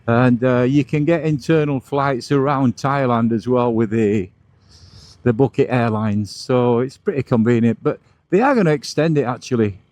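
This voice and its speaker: Riding his motorbike along roads outdoors, a man hosts a chatty, tour-guide-style motovlog with wind and vehicle noise around him. He speaks at a moderate pace in a medium-pitched, slightly mellow voice, with no room sound.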